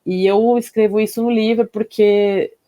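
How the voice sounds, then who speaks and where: As an interview guest, a middle-aged woman physician reflects emotionally on her personal story, often using tag questions. Her medium-pitched voice is mellow, with fairly even intonation and a slightly slow pace.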